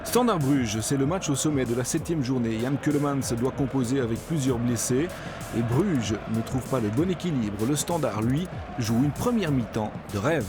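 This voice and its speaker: Man, scripted sports narration, mid-pitched, season recap, clear music bed. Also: lively intonation, normal speed. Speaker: narrator of football season review.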